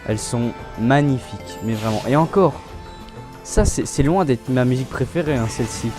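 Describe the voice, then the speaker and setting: A young man hosting a let's play, talking casually about his gameplay in a relaxed, chatty way and often restarting his sentences. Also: mid-range voice, moderate pace, music in the background.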